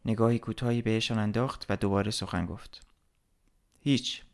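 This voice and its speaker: A man reads a literary story aloud in a steady, measured audiobook style. His voice sits low, with a gravelly fry running through it. The delivery stays even and unhurried from line to line. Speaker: narrator. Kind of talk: audiobook narration.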